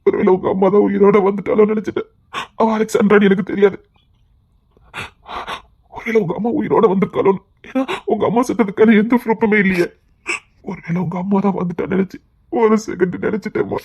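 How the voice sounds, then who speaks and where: A man's voice: sits high, steady tone, quick pace, vocal fry, a little mellow, breathy edge, dull audio, exaggerated voice. An actor playing a grieving widowed father who is lonely and full of guilt, tearful and lamenting in a brokenly spoken TV serial scene. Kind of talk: TV serial acting.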